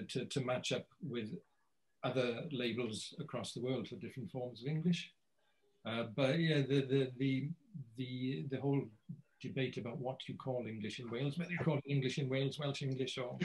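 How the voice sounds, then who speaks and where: A man's voice: medium pitch, rough recording. Hesitant man with frequent restarts. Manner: hesitant, many restarts and repeated words. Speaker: co-author and panel guest. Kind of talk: academic panel conversation.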